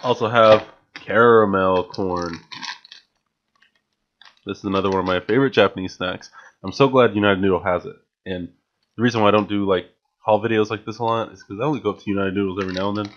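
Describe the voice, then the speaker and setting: Showing off groceries in a casual home vlog, a young man talks eagerly but stumbles, often restarting with fillers. He's indoors in a small room, using a stand-mounted studio mic and headphones. His voice sits on the low side with a steady tone and fairly quick pace, and the sound is lo-fi with slight background noise.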